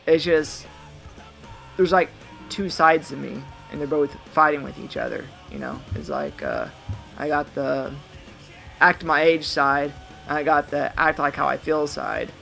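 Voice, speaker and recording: A man's voice: on the high side, very animated, a little slow, creaky, a bit bright, faint music behind, rough recording. A man in his thirties rambling reflectively to a camera in a vlog monologue. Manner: reflective, musing. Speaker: vlogger. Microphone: camera mic.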